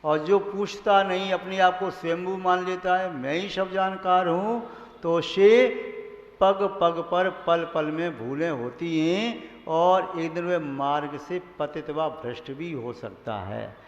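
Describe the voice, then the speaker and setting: A man, a monk, giving a measured sermon and posing rhetorical questions to his listeners. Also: fairly high pitch. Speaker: Jain monk. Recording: echoey hall, dull lo-fi sound.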